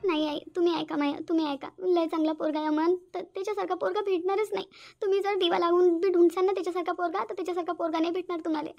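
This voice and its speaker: Brief: whiny lovesick cartoon teen girl, voiced by a woman, high and quick. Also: level tone, darkish tone, muffled recording, faint music behind. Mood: defiant. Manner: pleading, repetitive whining. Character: lovesick teenage girl, stubborn and tearful. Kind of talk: cartoon voice acting.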